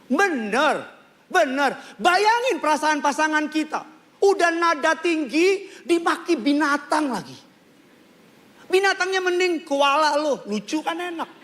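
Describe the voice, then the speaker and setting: A male pastor preaching a sermon to a large church congregation, animated and joking, repeating key lines for emphasis. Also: very high voice, a little slow.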